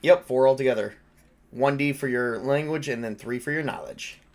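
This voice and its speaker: Speaking at an average pitch and a moderate pace, a man runs a tabletop role-playing game as its game master. He describes scenes and explains the rules in a relaxed, conversational way.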